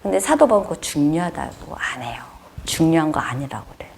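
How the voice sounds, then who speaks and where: A woman preaching a sermon, telling stories in an animated way with frequent laughter. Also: low voice, fast talker, gravelly.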